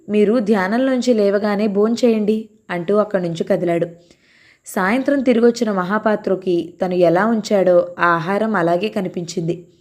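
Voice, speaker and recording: A woman narrating an audio story in a slow, measured reading style. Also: mid-range voice, darkish tone.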